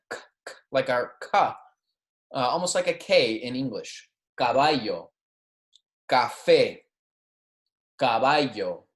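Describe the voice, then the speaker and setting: A very animated Spanish teacher, mid-pitched, gives an introductory pronunciation lecture with repeat-after-me examples. Her step-by-step instruction is dotted with frequent "okay" and "right" check-ins, and the recording has a roomy echo.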